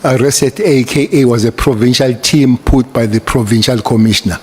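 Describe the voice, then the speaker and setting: A man's voice: mid-range voice, normal speed. Terse South African man testifying, faint noise. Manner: terse, short answers. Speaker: government minister testifying. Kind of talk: answering questions at a hearing. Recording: noisy hearing room ambience.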